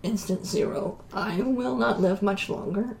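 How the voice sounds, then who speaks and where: A woman voicing a dying, wounded non-human being in a tabletop game, speaking formally and haltingly. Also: medium pitch, vocal fry, a little mellow, a little hiss or hum. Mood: weak, solemn. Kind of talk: tabletop role-play.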